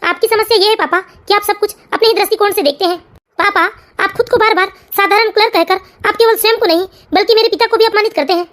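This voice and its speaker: A woman's voice: very high-pitched, quick pace, fairly bright tone. A woman voicing a grown son, a caring young engineer in a cartoon family story, reassuring and lecturing. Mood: earnest.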